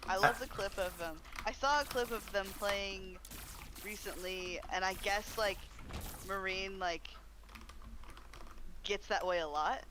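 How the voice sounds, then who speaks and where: A friend keeping a streamer company, chatting in a relaxed, rambling way with lots of "like". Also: mid-range voice, takes it slowly, pauses often, background noise. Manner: relaxed, rambling, many likes. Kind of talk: casual chat.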